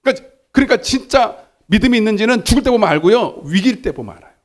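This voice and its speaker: Man pastor, sermon, emphatic call-and-response, fairly high pitch. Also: animated, quick pace. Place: church sanctuary.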